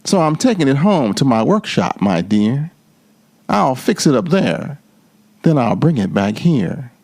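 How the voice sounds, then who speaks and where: Man voicing the sly, gravelly Grinch, slow and smug. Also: mid-range voice, sing-song, a little mellow, no echo. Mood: falsely sweet. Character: sly, grumpy Grinch, scheming and smugly gleeful.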